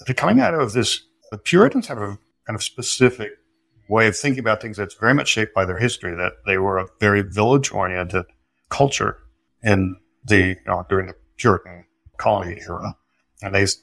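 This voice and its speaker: A man guest on a talk podcast, explaining history in a thoughtful, unhurried way with some hesitations and dry humor. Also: on the low side, fairly bright tone. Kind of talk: conversational interview answers.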